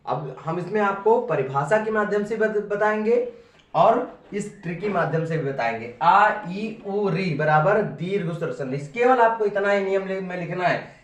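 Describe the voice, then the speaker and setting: A high-pitched man teaches a patient, step-by-step grammar lesson at a board and keeps checking that the class follows. He sounds far from the microphone, in a noticeably echoey room. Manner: patient, repetitive, checks in with "ठीक है".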